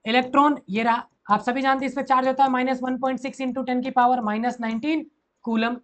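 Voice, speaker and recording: In a Hindi-English classroom physics lecture, a male teacher speaks briskly in a very high, slightly bright voice with a level tone. He often repeats key phrases and quizzes his students.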